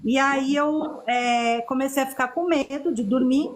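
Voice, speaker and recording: A woman, a podcast guest telling her personal story in an earnest, unhurried way. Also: high voice, fairly even intonation. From Chile. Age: 50s.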